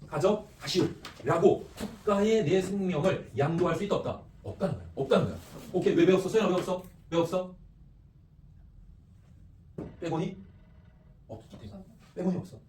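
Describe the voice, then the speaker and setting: A man teaching an ethics class, lively, repeating phrases and quizzing his students. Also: high-pitched, normal speed, long pauses. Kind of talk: classroom lecture with questions to students. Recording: echoey room, distant mic, faint noise.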